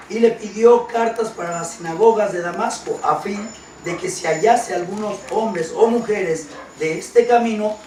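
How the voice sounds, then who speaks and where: A man preaching a sermon. He reads scripture slowly and then explains it with questions to the congregation. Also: high voice, darkish tone, roomy sound, distant mic, a little hiss or hum, poor audio. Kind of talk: sermon with Bible reading.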